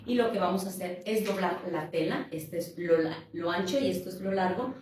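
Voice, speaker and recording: A woman's voice: fairly low pitch, brisk. Woman teaching sewing in an echoey room. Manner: patient, instructive, counts out measurements. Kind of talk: step-by-step sewing tutorial. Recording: echoey room, voice a bit far from the mic, faint noise.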